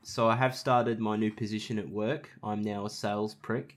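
A fairly low-voiced Australian man with a congested nose co-hosts a casual podcast. He talks like a laddish bloke, full of local slang and swearing. The banter is loose and crude. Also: fairly even intonation, moderate pace. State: congested with a cold. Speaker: podcast co-host.

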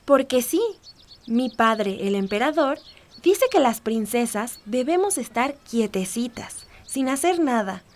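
A woman's voice: fairly high pitch, lively intonation, measured pace, darkish tone. A woman playing a sweet, obedient young cartoon princess in a children's audio story. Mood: prim, explaining.

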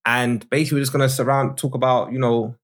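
A man's voice: medium pitch, level tone, fast. A man with a London roadman accent and street slang, hosting a casual podcast chat. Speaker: podcast host.

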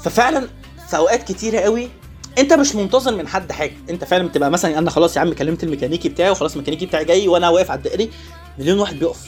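A man with an Egyptian Arabic accent hosting a vlog in a joking, animated casual monologue, repeating phrases for emphasis. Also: sits high, rapid-fire, soft background music. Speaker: vlog host.

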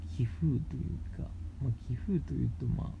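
A man talking casually as a radio host, explaining things in halting, phrase-by-phrase steps. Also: medium pitch, creaky. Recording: muffled lo-fi with faint background noise.

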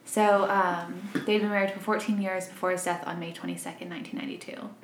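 A woman's voice: lowish voice, level tone, fast talker, slight background noise. A woman in her twenties from Arkansas, co-hosting a true crime podcast in casual, chatty talk and laughing easily. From Arkansas, grew up in Missouri. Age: 20s. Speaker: podcast co-host. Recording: roomy echo.

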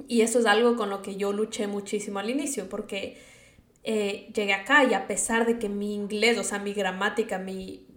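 A woman's voice: mid-range voice, little pitch movement, normal speed, a bit bright, roomy sound. A young woman from Latin America with a Latin American Spanish accent, chatting casually and giving advice, dropping English words into her speech. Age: young adult. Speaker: vlogger.

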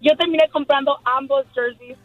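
Woman caller, hoarse from yelling. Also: high-pitched, steady tone, moderate pace, dry recording. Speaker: caller to a sports radio show. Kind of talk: casual fan talk. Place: on a phone call to a radio show. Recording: dull band-limited phone line, music behind.

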